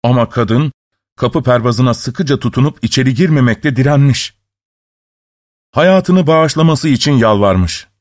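A man narrating a fairy tale in an expressive, dramatic storytelling manner. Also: mid-range voice, measured pace.

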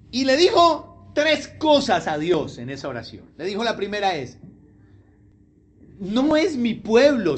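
A man preaching a sermon as a pastor, chatty and questioning the congregation. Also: high voice. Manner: conversational, asks the congregation questions.

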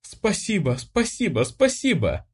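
A man voicing an excitable, bossy teenage sister. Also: a little slow, full character voice. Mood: coaxing. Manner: high, breathy, excitable. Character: teasing, bold teenage sister, playful and bossy. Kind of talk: audiobook character voice.

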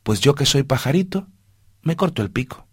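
A man voicing a small, sympathetic bird, with a husky voice. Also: mid-range voice, lively intonation, moderate pace, no room sound, studio quality. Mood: earnest. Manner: earnest.

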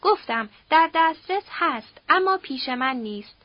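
A woman voicing an earnest young man who pleads in a measured, soft-spoken way. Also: high-pitched, expressive, no room sound. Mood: persuasive. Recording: dull dry audiobook recording.

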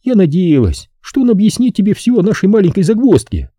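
A coy, scheming woman sweetens every word with false innocence, high and lively in the voice, as a male narrator puts her on. It is a dark, husky audiobook read, close and dry. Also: fairly quick, dry recording. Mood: coaxing.

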